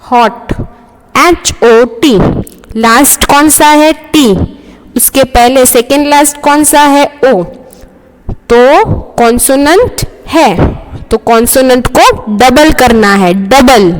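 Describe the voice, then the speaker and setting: A woman's voice: sits high, slow, in a large hall. A woman teaching a school grammar lesson, explaining step by step in Hindi and English and often checking with "okay?".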